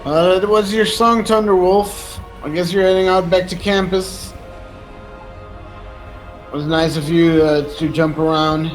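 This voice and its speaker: A man's voice: high-pitched, steady tone, unhurried, faint music behind, low-quality recording. A young man streaming a game and chatting casually with friends, joking, laughing and swearing freely. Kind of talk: casual chat while gaming.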